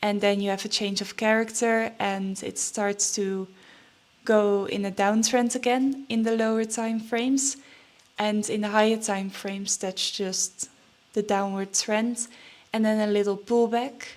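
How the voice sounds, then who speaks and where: Young female vlogger, unhurried delivery, mid-range pitch, chatty with fillers, slightly nervous and breathless. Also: flat delivery, a little mellow. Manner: chatty, with many fillers and restarts. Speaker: trading vlogger. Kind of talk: casual vlog chat.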